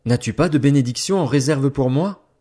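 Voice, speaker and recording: Bitter elder son, pleading and strained, higher and louder, as a man puts him on. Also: brisk, breathy edge, natural voice.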